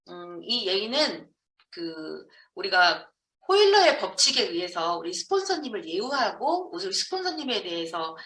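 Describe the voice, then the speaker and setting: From Jeonju, South Korea, a woman gives a motivational business training lecture, emphatically asking questions and answering them herself. Her mid-range voice sounds pushed and bright, captured by a distant microphone in an echoey room.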